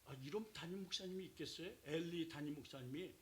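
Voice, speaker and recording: A man preaching a sermon as pastor, dropping to quiet asides and then shouting, acting out the people in his story with voices. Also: fast, a little hiss or hum, low-quality recording. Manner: animated, swings from low asides to loud shouts.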